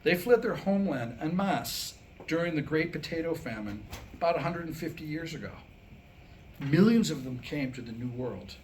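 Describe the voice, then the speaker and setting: A man in his sixties tells jokes and delivers comic monologue in a staged reading, wryly acting out quoted lines. His voice is on the high side, expressive and a little mellow, at a normal speed. The audio is poor, recorded live in a room with background noise.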